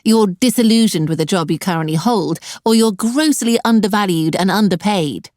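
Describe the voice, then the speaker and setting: A woman's voice: mid-range voice, normal speed, a little mellow, no room sound. A middle-aged woman hosting an online career webinar, talking directly to her viewers with a dry, sarcastic edge. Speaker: webinar host and career coach.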